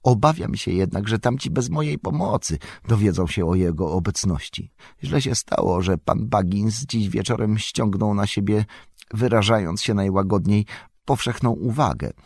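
A man voicing an excitable, fussy middle-aged male innkeeper who rambles and frets. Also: on the low side, vocal fry, no echo, clean studio sound, voice pushed up.

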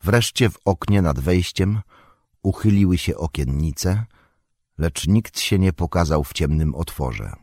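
Low-voiced, husky male narrator. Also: unhurried, no echo, clean studio sound. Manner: calm, steady storytelling. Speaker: audiobook narrator. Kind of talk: scripted narration of a novel.

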